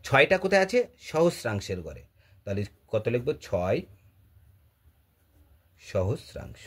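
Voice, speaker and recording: A man's voice: mid-range voice, slightly rough. A male math teacher explaining a lesson at a board, asking questions and answering them himself, with a Bengali accent. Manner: asks and answers his own questions; repeats phrases while writing.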